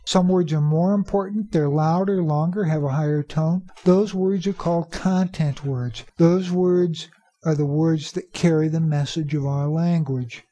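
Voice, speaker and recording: A native English speaker teaching teachers about pronunciation, repeating key phrases for emphasis and slowing down to demonstrate. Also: mid-range voice, fairly even intonation, mellow. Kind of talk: instructional talk.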